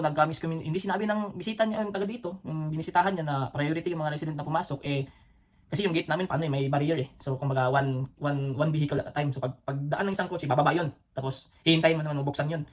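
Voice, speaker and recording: A man's voice: on the high side, steady tone, rapid-fire. A man from the Philippines with a Cebuano accent, hosting a casual storytelling vlog. He rambles, with many fillers and restarts, and chuckles between phrases. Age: adult, former soldier with children. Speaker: vlog host.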